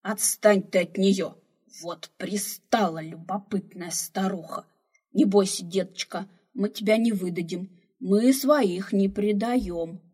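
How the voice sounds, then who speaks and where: A woman reading the part of a quarrelsome, excitable old male slave who loves adventure. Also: fairly low pitch, moderate pace, breathy edge. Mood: scolding. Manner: loud, scolding, excitable.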